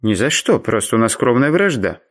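A man's voice: medium pitch, big pitch swings, normal speed. Brash teenage boy, blunt and matter-of-fact, storybook feud tale, voiced by a male narrator.

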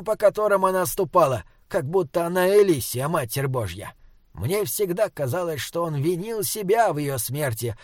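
A man's voice: high-pitched, no room sound, studio quality, voice pushed up. A man voicing a small, cranky old male jester who tells tales in a grumbling way. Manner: grumbling, irritable storyteller.

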